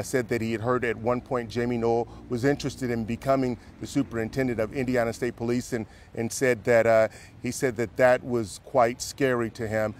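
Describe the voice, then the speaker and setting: A male television news reporter with an American accent delivers a live report. His delivery is conversational and a little halting, as if he is putting the account together while he speaks. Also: medium pitch, darkish tone, a little hiss or hum. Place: courthouse, live on location.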